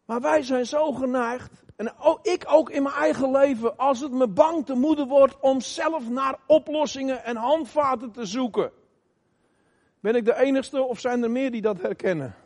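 High-voiced man preaching in a church. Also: normal speed. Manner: emphatic, questions the congregation, sometimes shouts. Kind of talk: sermon. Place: church hall. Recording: long reverb of a church hall.

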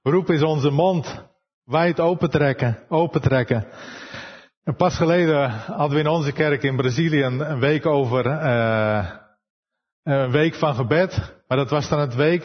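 A Dutch man preaching a sermon, soft-spoken and unhurried, pausing and searching for words as he goes. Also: fairly high pitch, husky, in a large hall, dull audio. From Netherlands.

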